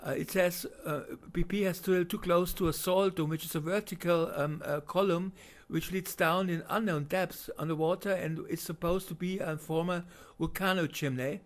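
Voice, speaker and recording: A man with a German accent provides unscripted voice-over commentary on video footage, halting and full of fillers and restarts. His voice sits high with fairly even intonation.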